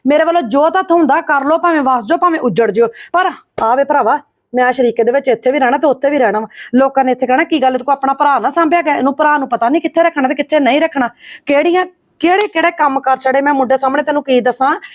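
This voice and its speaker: Fast, scolding woman. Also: high voice, no room sound, clean studio sound. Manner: scolding, sharp-tongued. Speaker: lead actress, angry mother. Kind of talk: scripted family drama acting.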